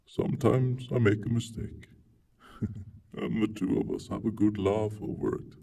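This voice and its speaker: Man playing haughty lonely monster, hammy stage-actor delivery, dramatic literary monologue, dark mellow tone, gravelly, breathy hushes, distant mic with faint noise. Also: on the low side, steady tone, unhurried, full character voice. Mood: playful, eager. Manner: haughty, pompous. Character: proud, lonely monster Asterion, grandiose and childlike.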